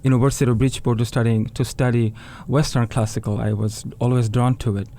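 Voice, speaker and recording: A man from Bangladesh, a tabla player, talking in a radio interview in a halting way and often restarting words. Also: mid-range voice, little pitch movement, mellow. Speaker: tabla player, guest musician. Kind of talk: casual interview talk.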